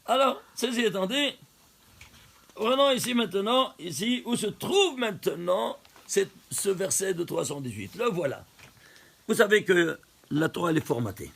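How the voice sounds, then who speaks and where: A man's voice: high-pitched, expressive, moderate pace, vocal fry, fairly bright tone. A rabbi teaching a Torah class, counting out numbers step by step and putting questions to his listeners. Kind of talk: lively recorded Torah lesson.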